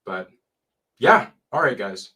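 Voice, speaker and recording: A young man hosting a casual live stream from his desk, his voice stuffy from a cold. He reads out figures and breaks off into chatty asides, at a middling pitch. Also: big pitch swings, slow pace, pushed and bright. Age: young adult.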